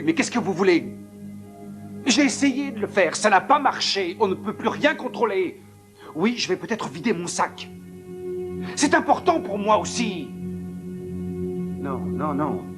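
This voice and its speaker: A secretive, worried conspirator. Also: male voice, high voice. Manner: tense, conspiratorial. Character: secretive, worried man on the phone. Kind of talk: French film dub.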